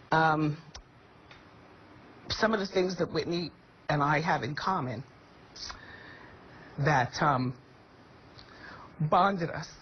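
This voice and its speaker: A woman talk show host giving an earnest, measured personal testimony. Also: low-pitched. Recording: dull muffled audio with faint noise.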